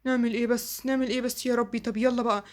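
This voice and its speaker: A woman's voice: a little high, level tone, very fast, close to an everyday voice. A woman voicing a grumbling, exasperated middle-aged father in a cartoon, who speaks with an Egyptian Arabic accent.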